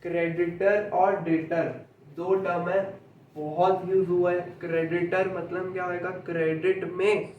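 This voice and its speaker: Young male commerce tutor, unhurried and repetitive, distant mic, faint hiss behind. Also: high-pitched, flat delivery, narrow, tinny audio. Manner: slow, repeats points, asks students if they understood. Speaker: commerce teacher. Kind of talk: classroom lecture. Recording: echoey room, mic far off, faint noise.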